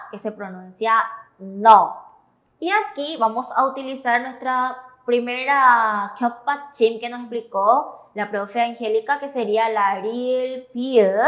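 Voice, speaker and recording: A woman teaching Korean syllables, explaining slowly and checking understanding as she goes. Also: on the high side, a bit bright. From Paraguay. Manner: slow, careful, checks understanding with "¿verdad?". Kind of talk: classroom explanation.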